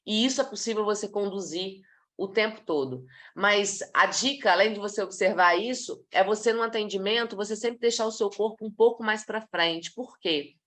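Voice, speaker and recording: A woman from Brazil gives a live online talk on body language to professionals. She is lively and demonstrative, acting out little scenes to make her points, in a mid-range voice. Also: medium pitch, normal speed.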